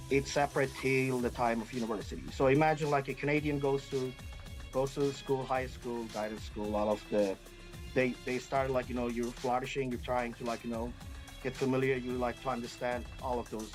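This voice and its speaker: Earnest man. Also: mid-range voice. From Iran. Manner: earnest, hesitant, many fillers and restarts. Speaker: guest. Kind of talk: interview conversation.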